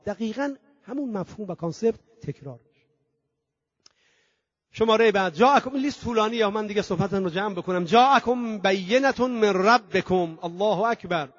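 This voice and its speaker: At a mourning gathering, a preacher with a high voice chants scripture in a singing tone, stacking up long emphatic lists and putting rhetorical questions to the congregation, with long pauses in between. The audio is muffled, lo-fi and very dry, with no room sound.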